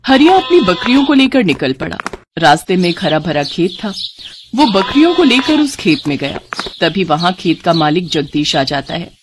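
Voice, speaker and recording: A woman narrating a moral cartoon story in an expressive storytelling cadence. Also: on the low side, normal speed, background noise.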